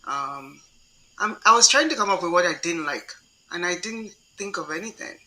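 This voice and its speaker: Woman guest doctor, very bright and tense voice, modest and self-deprecating. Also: fairly low pitch, animated, normal speed, poor audio. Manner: self-deprecating, soft-spoken. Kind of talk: casual chat.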